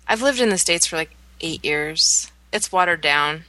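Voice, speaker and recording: This is a Canadian woman talking freely on a podcast. Her voice sits slightly low yet sounds bright and forceful. The recording is dry and close, and she rambles through explanations. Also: lively intonation, no room sound. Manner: chatty, explains with quick asides and laughs. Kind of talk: casual podcast chat.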